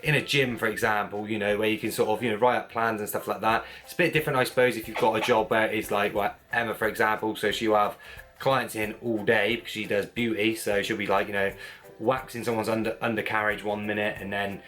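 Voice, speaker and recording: A man with a Wiltshire accent and a fairly low voice chats to his vlog audience. His delivery is informal and blokey, wandering from point to point. Some music sits behind the talk. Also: level tone, fast, fairly bright tone. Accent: Wiltshire English. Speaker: vlogger, gym owner. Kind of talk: casual chat to viewers.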